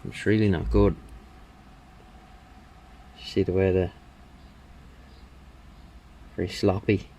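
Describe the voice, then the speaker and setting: With a low, mellow voice that barely moves in pitch, this man restores old radios as a hobby and offers a relaxed, hesitant commentary on his repair. He mutters to himself now and then, taking his time, and there's slight background noise.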